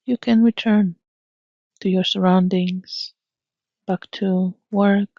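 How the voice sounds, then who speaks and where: A woman leads a mindfulness meditation, giving gentle instructions very slowly with long pauses between phrases. Her pitch remains flat and even. The recording is dry, slightly dull, and free of echo.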